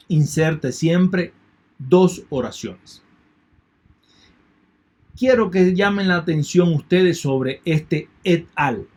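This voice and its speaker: Methodical male lecturer, fairly high voice. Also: darkish tone. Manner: methodical, repeats key points, thanks students. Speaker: university lecturer. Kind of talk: online lecture.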